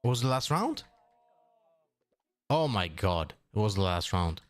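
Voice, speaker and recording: Low-voiced man chatting on a stream. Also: measured pace. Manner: relaxed, mumbling and trailing off. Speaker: streamer reading chat. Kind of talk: casual live-stream chat.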